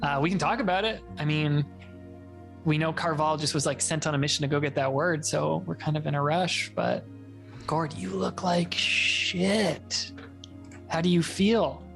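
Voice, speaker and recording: A woman's voice: low-pitched, fairly even intonation, a little slow, gravelly, soft background music. A woman playing a tabletop role-playing game, chatting casually as one of the players.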